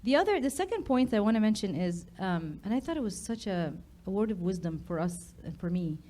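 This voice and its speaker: A woman speaking at a memorial gathering, telling stories in an animated way and acting out the lines she quotes. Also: medium pitch, fairly quick. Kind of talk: storytelling talk.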